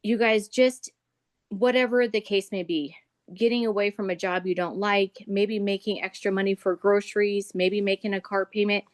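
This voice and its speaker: A woman's voice: mid-range voice, fairly even intonation, moderate pace. A woman from Nebraska enthusiastically introducing a guest on a video call, in a folksy, casual way. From Nebraska, USA. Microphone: computer mic on a video call.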